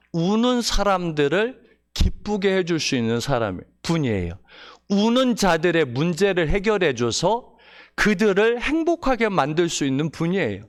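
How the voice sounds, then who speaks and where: A male pastor delivers a Sunday sermon with a fairly high, very lively voice. He preaches with feeling, asks the congregation rhetorical questions and swings between hushed low phrases and raised emphatic ones. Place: church service.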